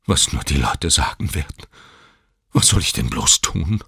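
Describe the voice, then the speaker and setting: A man's voice: very deep voice, big pitch swings, measured pace, creaky, pushed and bright, breathy edge, dry recording, studio quality, heavily acted. A man voicing a desperate, horrified middle-aged father, in a storybook reading. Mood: despairing. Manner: desperate, agitated.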